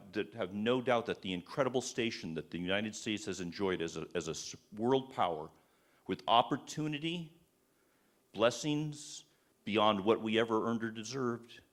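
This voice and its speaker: A man with a lowish voice preaches to a gathered audience with fervent conviction. He drives his points home with rhetorical questions and stumbles through frequent restarts as he presses on. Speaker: speaker at a church event. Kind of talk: impassioned sermon-style presentation. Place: live talk before an audience.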